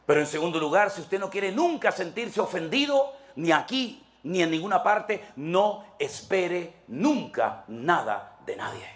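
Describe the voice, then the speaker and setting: A Spanish-accented pastor preaches a sermon in church, asking rhetorical questions and shifting between emphatic and hushed delivery. His voice is high and very animated, a little slow, with few pauses.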